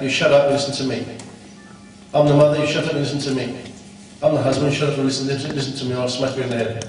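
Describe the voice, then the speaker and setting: At a conference, a man with a fairly high-pitched voice gives a blunt, scolding Islamic talk packed with rhetorical questions. The recording catches him from far off in an echoey hall, with a little hiss or hum.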